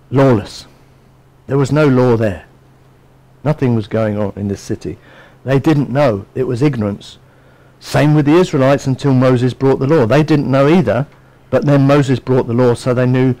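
A male preacher at a middle pitch who delivers his sermon as a relaxed, chatty story. He wanders into personal asides and talks to his listeners directly. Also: low-quality recording.

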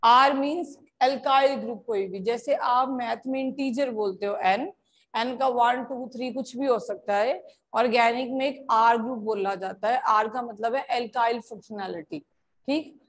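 In a classroom chemistry lecture, a high-voiced teacher from India takes her time over each point. Hindi and English blend in her speech, and she regularly asks her students, whom she calls "beta," if they understand.

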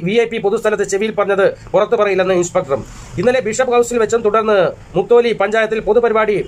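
A man reading newspaper stories aloud in a steady, formal manner, with small restarts now and then. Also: sits high. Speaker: newsreader. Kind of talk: read-aloud newspaper headlines.

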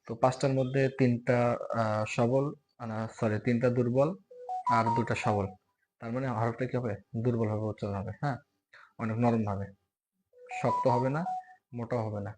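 A man with a Bangladeshi Bengali accent teaching Quran letter pronunciation, repeating sounds slowly and loudly as demonstrations and often asking "okay?". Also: mid-range voice, fairly even intonation, over music. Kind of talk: recitation lesson on letter pronunciation.

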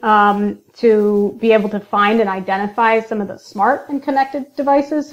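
Podcast guest, woman, mid pitch, measured explainer with ums. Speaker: guest, industrial cybersecurity manager. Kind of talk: podcast interview.

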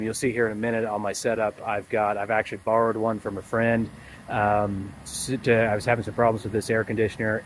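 Out in a yard by an AC unit, a man in his forties who works as an HVAC technician explains things in a relaxed, conversational way. His voice sits fairly low, and the arm's-length phone recording has poor audio and background noise.

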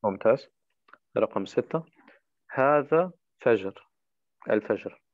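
A man's voice: medium pitch, animated, fairly quick, no room sound, muffled recording. A man teaching Arabic in a one-to-one online lesson, patiently walking his student through each answer.

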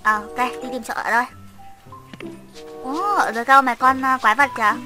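A woman hosting a gaming channel, chatting casually while she plays and squealing excitedly at surprises. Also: sits high, a little fast. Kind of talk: casual gameplay chat. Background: game music.

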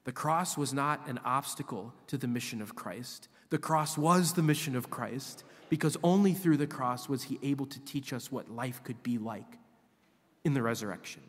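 A priest in his forties gives a homily from a lectern, emphatic and animated and leaning into his points. His mid-pitched voice rings out into the long reverb of a church. The lectern mic picks up the sanctuary's natural echo. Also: normal speed. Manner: animated, emphatic preaching with hand gestures. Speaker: visiting priest. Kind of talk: sermon. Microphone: lectern microphone.

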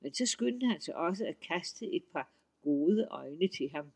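A man reading a folk tale aloud in a lively, expressive storytelling manner. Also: a little high, gravelly, breathy edge.

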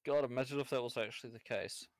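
A man's voice: mid-range voice, steady tone, fast, slight background noise. A man chatting casually while playing a video game, teasing and sarcastic. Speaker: gamer. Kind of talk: casual gaming chat.

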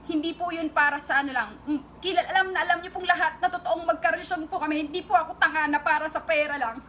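A woman's voice: sits high, fairly even intonation, quick pace, bright, forceful tone, a little hiss or hum. A woman vlogger with a Filipino accent, angrily and tearfully speaking straight to her critics in an emotional online rant.

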